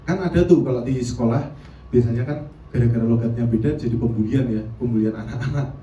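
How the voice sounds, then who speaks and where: A man's voice: medium pitch, fast talker, dark tone, dull audio. A man preaching in an echoey church hall. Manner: playful, laughs often, quotes others in asides. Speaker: youth service speaker. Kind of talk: casual sermon. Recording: echoey hall, distant mic.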